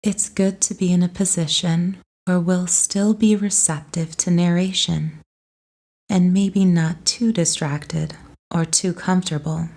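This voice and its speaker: A woman guides a meditation in a mellow, relaxed tone, reading her script very slowly. Her voice is on the low side and her delivery is gentle and soothing.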